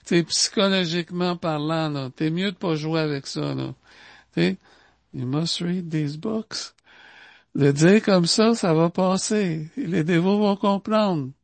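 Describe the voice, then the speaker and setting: Slow-talking Québécois man giving a spiritual talk. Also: fairly high pitch, vocal fry, no echo. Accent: Québécois French. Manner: conversational, repeats itself and fills pauses with asides.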